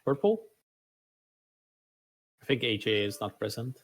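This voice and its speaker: A man's voice: medium pitch, sing-song, a little slow, slight background noise. A man playing an online board game in casual voice chat, easygoing while bargaining over deals.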